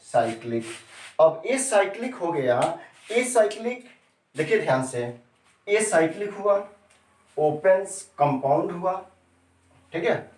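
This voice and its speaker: A man's voice: high-pitched, animated, slow, long pauses, darkish tone. A male chemistry teacher giving a classroom lesson who repeats key terms and keeps quizzing his students with questions. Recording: echoey room, mic set far off.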